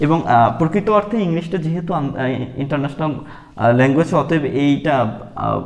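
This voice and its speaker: A man's voice: on the high side, in a large hall. Casting note: male teacher from Bangladesh, slightly raised voice, patient drills with fillers. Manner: repeats sounds slowly, with many fillers. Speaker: English teacher. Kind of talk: explaining letters and sounds step by step.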